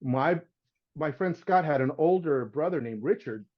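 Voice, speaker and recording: A middle-aged house painter appearing as a podcast guest tells a story loosely and casually, acting out the voices of the people in it and saying "man" and "dude." His voice is on the high side at normal speed, and the sound is lo-fi.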